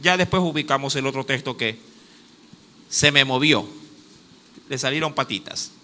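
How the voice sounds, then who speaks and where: There's a little hiss or hum behind this mid-range male voice, speaking at normal speed. A pastor with a Guayaquil coastal Ecuadorian accent, he preaches with animation, calling people "mi amado," performing exclamations, and pausing to locate verses.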